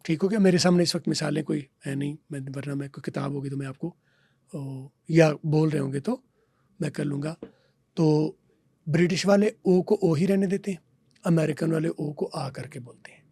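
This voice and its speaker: A man's voice: fairly high pitch, steady tone, moderate pace, creaky, warm tone, breathy edge, no room sound. Male teacher, dry close sound, quizzes and drills example words. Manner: lecturing, repeats example words and asks quiz questions. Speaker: English teacher guest. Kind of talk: podcast interview, explaining.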